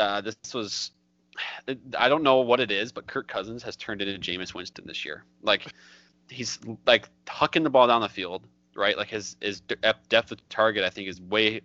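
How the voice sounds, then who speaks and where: Lower bright-voiced male podcast co-host. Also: no room sound, highs cut off. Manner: chatty, hedging, lots of "like" and "you know". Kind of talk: casual sports podcast talk.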